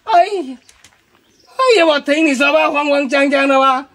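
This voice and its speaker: A gruff, bullying middle-aged villain played by a man in a village comedy skit. He sounds angry and suspicious, recorded outdoors a few metres from the camera. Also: very high voice, lively intonation, normal speed, fairly bright tone. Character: gruff, suspicious male trafficker posing as an angry husband. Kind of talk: rural comedy skit acting. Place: outdoors at a village house doorway.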